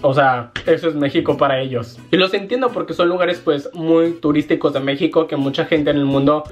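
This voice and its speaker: In a muffled recording from a fixed desk camera, a young Mexican vlogger from Jalisco chats casually to camera in a small bedroom, with faint guitar music underneath. His somewhat high voice is animated and slangy, and he gestures a lot and puts on quick voices for quoted people.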